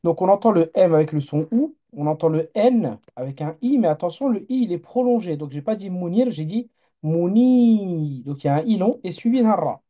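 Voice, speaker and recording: Patient male teacher, dark mellow tone, runs a live online class and checks on learners. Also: high-pitched, animated, fairly quick, few pauses. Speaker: Arabic teacher.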